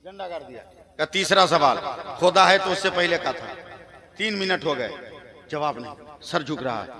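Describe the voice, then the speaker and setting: A preacher tells a dramatic story from the stage in a high-pitched voice. He keeps calling on the listeners to respond. The microphone carries over a loud, packed live crowd. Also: animated, moderate pace. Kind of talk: sermon storytelling at a religious gathering. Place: crowded religious conference stage. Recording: live crowd around a loudspeaker.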